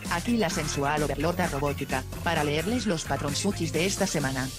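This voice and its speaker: A woman voicing a sensual robotic female overlord who reads out a scripted announcement in a smooth, teasing way, with music behind her. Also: low voice, brisk, natural voice. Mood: sultry.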